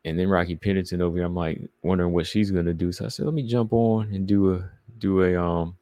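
A man's voice: sits low, fairly even intonation, fast, warm tone. A man from the American South with a Southeastern accent, hosting a casual livestream and rambling loosely as he reads chat comments aloud. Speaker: podcast host reading live chat.

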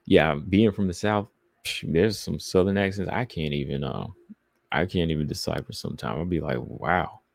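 Deep-voiced Southern man chatting casually. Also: moderate pace, creaky, no echo. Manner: loose and rambling, reads chat comments aloud. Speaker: podcast host reading live chat. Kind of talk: casual livestream chat.

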